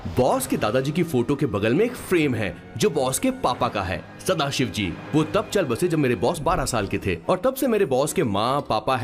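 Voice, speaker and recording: A man voicing a young male sidekick who narrates his boss's story in a chatty, gossipy way. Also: medium pitch. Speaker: hero's assistant and narrator. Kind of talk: film dub narration.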